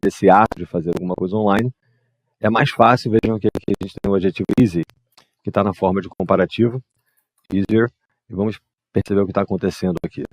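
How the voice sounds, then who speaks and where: A man, teaching English grammar and patiently explaining exercises, reading the English examples slowly. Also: low voice, a little mellow, no room sound. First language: Portuguese.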